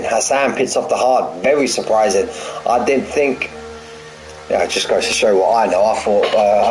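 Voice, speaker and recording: The voice is a man's, fairly low and a little mellow, captured with poor audio. He's in his forties and streams sim racing, calling the race live in a chatty, jokey way, repeating phrases and chatting with his audience between the action.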